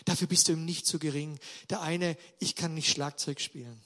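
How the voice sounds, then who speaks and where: A man preaching a sermon with emphatic delivery, swinging between loud, drawn-out stresses and quiet asides. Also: on the high side, fairly even intonation. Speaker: pastor.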